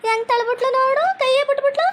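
A woman's voice: very high voice, steady tone, very fast, fairly bright tone, slight background noise. A woman playing a coy man posing as a woman. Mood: whiny. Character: husband who acts and dresses as a woman.

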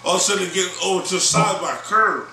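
A man's voice: high-pitched, fast, sharp tone, echoey room, recorded from a distance, slight background noise, low-quality recording. A man telling a comic street story in slangy speech, laughing often as he goes.

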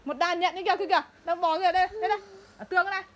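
High-voiced mother coaxing. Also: steady tone, racing, fairly bright tone, slight background noise. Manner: urgent, repetitive coaxing and scolding. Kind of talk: home video, coaxing a child. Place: home, indoors.

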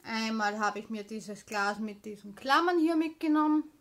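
A woman's voice: fairly high pitch, expressive, moderate pace. A woman chatting casually as a vlogger, showing purchases in an informal, explanatory manner. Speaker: craft haul vlogger.

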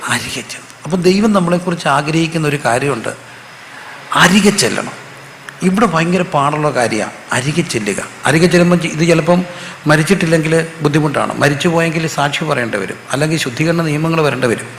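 A man's voice: fairly high pitch, expressive, a little fast, a bit bright, slight background noise. A male pastor, preaching a sermon with call-and-response questions and humorous stories. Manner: call-and-response preaching, asks the audience to repeat answers; storytelling with humor. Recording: echoey hall with faint ambience.

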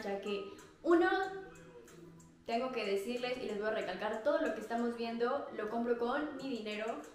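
A young woman with a Mexican Spanish accent and a highish, darkish voice reviews activewear for her vlog, bubbly and chatty, gesturing a lot and laughing often. She's in a small room at home, recorded on a clip-on lapel mic with heavy echo.

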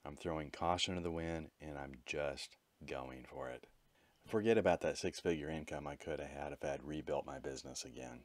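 Vlogger narrator: man with an extremely low voice, candid and matter-of-fact, dry close recording. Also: brisk, no room sound. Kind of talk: reflective voice-over narration.

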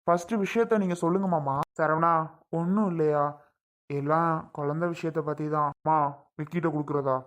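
A man's voice: fairly high pitch, fairly even intonation, moderate pace, natural voice. A man playing a young husband and father who is defiant and heated, firing repeated questions, in a family drama skit. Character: young husband, protective and hot-tempered father.

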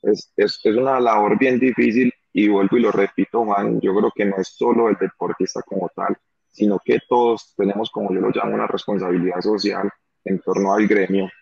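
A Colombian-accented athlete in his thirties speaks earnestly as an interview guest, repeating phrases for emphasis. His low, gravelly voice is a little mellow and slightly rough, moving at a moderate, fairly even pace. He's on a phone or webcam video call with dull lo-fi audio and no echo.

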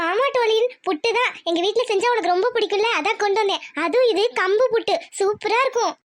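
Woman doing a sweet, gentle cartoon girl. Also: extremely high pitch, fast. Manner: gentle, coaxing. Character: kind caring village girl Isai sharing food. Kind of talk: cartoon voice acting.

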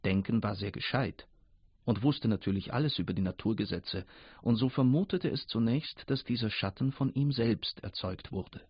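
A man narrating a fable in a measured storytelling reading for radio, in a dull lo-fi recording. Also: fairly low pitch, breathy edge, no room sound.

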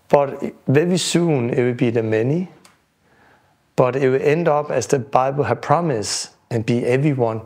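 A man's voice: medium pitch, a little mellow. Danish guy in his 40s, preacher talking to camera, earnest, keeps restarting sentences. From Denmark. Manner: earnest, repeats words when starting, halting restarts. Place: indoor home room.

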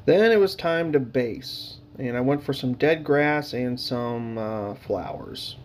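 A man's voice: medium pitch, expressive, takes it slowly, slight background noise. A man casually narrating his hobby painting footage, rambling with lots of fillers and dry, sarcastic humor.

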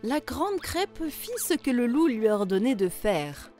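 A woman narrating a children's fairy tale in a clear, measured way. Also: a little high, sing-song, dark tone, faint music behind.

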